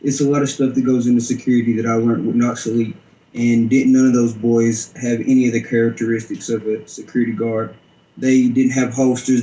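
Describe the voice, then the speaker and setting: A man's voice: mid-range voice, warm tone, lo-fi sound. A man giving an informal interview account as a security guard. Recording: roomy echo.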